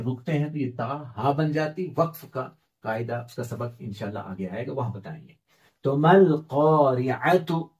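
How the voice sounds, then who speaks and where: A man's voice: medium pitch, a little mellow. A middle-aged man teaching Quran reading in a step-by-step lesson, patiently spelling out letters and vowel marks one by one.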